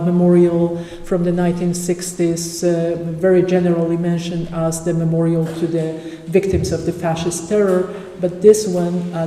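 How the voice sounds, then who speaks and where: A conference speaker talks through an academic presentation in a mellow, subdued voice, halting often between phrases. The delivery is slow, and the sound rings through a lecture hall with a long reverb tail. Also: medium pitch. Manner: halting, with frequent pauses and fillers.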